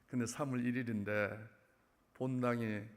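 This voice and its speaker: A middle-aged man giving an emotional church testimony, pleading tearfully and swinging from hushed to loud. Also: mid-range voice, steady tone, moderate pace. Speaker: testimony speaker. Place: church sanctuary. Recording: church hall reverb.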